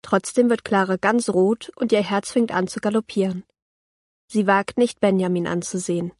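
Woman reading a kids' audiobook, calm and clear, mid pitch, dry close mic. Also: normal speed, dry recording. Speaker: narrator.

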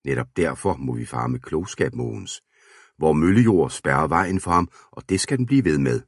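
A man's voice: extremely low pitch, expressive, breathy edge, no room sound, clean studio sound, exaggerated voice. A man reading aloud and voicing a grave, cautious older male farmer in a storybook.

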